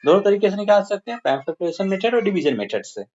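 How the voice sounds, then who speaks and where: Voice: mid-range voice, very animated, rapid-fire, a little mellow. A maths teacher giving a step-by-step lesson, counting through each sum aloud and addressing the pupils as dear children. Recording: slightly muffled with faint hiss.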